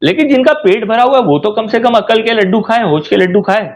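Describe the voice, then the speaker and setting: A man's voice: high-pitched, lively intonation, a little fast. A man, a guest in an interview, ranting indignantly in heated talk.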